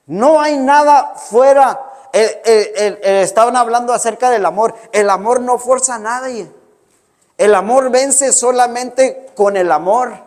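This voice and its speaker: Brief: middle-aged Mexican-accented male preacher, high voice, conversational sermon with fillers and restarts, church hall reverb. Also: measured pace. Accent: Mexican Spanish. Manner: conversational, repeats words, many fillers.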